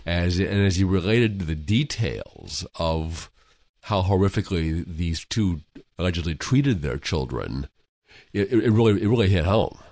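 Deep-voiced male radio host. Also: animated, moderate pace, darkish tone, dry recording, clean studio sound. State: recovering from a cold, deeper voice. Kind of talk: casual radio talk show chat.

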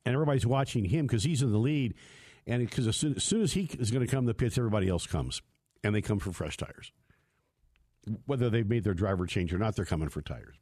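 In a studio with no room sound, a motorsport radio host rambles casually through self-mocking stories. His voice sits on the low side and is slightly mellow.

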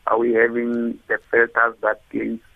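A man calling in over the phone to a radio show, asking his question in a hurried, halting way with fillers. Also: medium pitch, monotone, gravelly. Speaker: radio call-in caller. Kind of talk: casual call-in question. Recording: tinny phone line.

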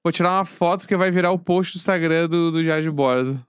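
A woman's voice: lowish voice, fast talker, clear, resonant tone, no echo, clean studio sound. A woman, co-hosting a casual chat and reacting with short, teasing comments. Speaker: podcast co-host.

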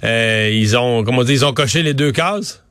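A man's voice: medium pitch, fairly bright tone, no echo, clean studio sound. A man with a Quebec French accent interviewing in an unscripted way, hesitating and repeating words as he forms his questions. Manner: hesitant, halting, often repeats words while forming questions. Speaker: radio interviewer.

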